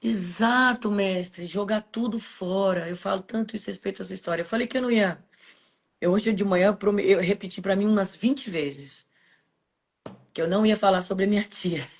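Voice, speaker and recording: Soft-spoken Brazilian woman telling a story. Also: medium pitch, moderate pace. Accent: Brazilian Portuguese. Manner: soft, subdued, heartfelt. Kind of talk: personal storytelling in podcast chat.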